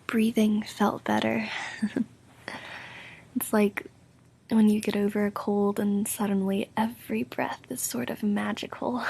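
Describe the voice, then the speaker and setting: A woman doing an ASMR role-play as an affectionate, sleepy girlfriend, speaking softly, drowsily and intimately in a breathy soft voice with creaky edges. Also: mid-range voice, little pitch movement, normal speed. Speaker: roleplay audio performer playing a sleepy girlfriend.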